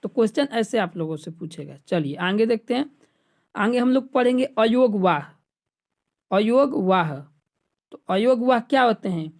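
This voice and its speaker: A woman's voice: fairly high pitch, lively intonation, moderate pace, a little mellow. A woman teacher giving an exam-prep lecture, explaining step by step and repeating key terms back to the class as questions. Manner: patient, stepwise explaining with frequent checks.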